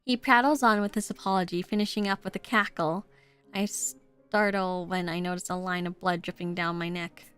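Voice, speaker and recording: A woman game streamer reading visual novel narration aloud in an expressive way. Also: fairly low pitch, normal speed, clean tone, faint music behind.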